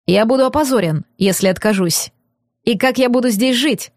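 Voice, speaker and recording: A woman's voice: a little high, normal speed, dry recording, studio quality, lightly acted. A woman reading an audiobook and voicing a stern, torn young aristocratic man with firm, clipped, bitter delivery. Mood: harsh. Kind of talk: audiobook character voice.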